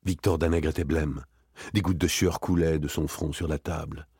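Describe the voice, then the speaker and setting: A man reading a crime story aloud as an audiobook narrator, in a theatrical, expressive way. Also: rumbling low, moderate pace, slightly rough, no echo, studio quality. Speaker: audiobook reader.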